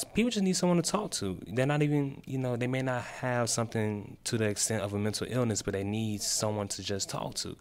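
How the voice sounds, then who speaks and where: Sitting at a desk mic on a stand in a small indoor radio studio, a peer specialist in his 20s joins a casual interview as a guest. His voice is on the low side, and he shares his story openly and encouragingly, like a testimonial.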